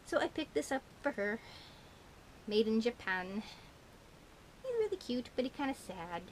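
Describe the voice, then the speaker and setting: A woman with a slightly high voice rambles to camera about things she bought, giggling as she goes and piling on "like" and "you know." Her tongue is a bit burnt, which blurs a few words. A faint hiss sits under the recording. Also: very animated, a little slow. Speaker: vlogger showing a shopping haul. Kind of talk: casual rambling chat to camera.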